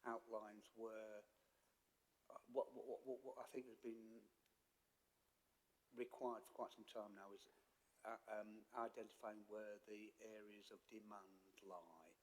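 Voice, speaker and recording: Brief: low, husky man councillor, hesitant, in a reverberant chamber. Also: steady tone. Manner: halting, many repeats and fillers. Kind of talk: committee comment. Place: council committee room.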